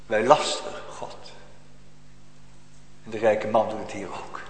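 A man preaching a sermon to a congregation, slow and solemn, rising to emphatic outbursts, recorded in a church. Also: fairly low pitch, level tone, roomy sound, big-room sound, rough recording.

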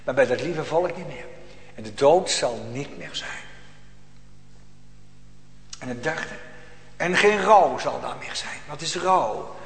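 A man preaching a sermon in a church, swinging from hushed tones to loud, emphatic lines. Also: on the high side, lively intonation, slow pace, gravelly, pauses often. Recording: echoey church hall.

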